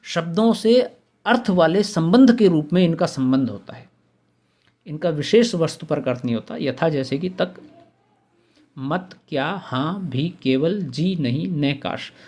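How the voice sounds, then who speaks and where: A man's voice: fairly high pitch, a little slow, darkish tone. A man teaching a Hindi grammar lesson, methodically listing examples one by one and repeating the key terms.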